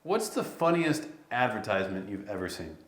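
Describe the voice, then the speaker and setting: A man hosting an interview, asking plain, steady questions. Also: fairly low pitch, normal speed, roomy sound. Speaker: interviewer, host.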